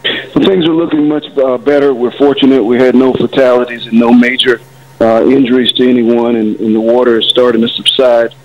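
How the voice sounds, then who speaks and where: Measured male mayor on a dull phone line. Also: medium pitch, flat delivery. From Florida, United States. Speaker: city mayor. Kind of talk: phone interview on live news. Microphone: telephone.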